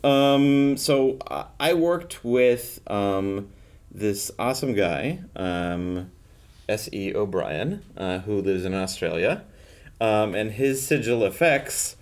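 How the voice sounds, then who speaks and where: A man's voice: lowish voice, expressive, takes it slowly, a little mellow. A man, a show's co-creator and director, chatting casually on a podcast with many ums and restarts. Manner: hesitant, many fillers.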